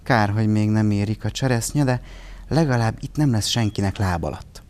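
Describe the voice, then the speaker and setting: A man reading a children's tale aloud in an expressive storybook style, giving each character a voice of its own. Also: on the low side.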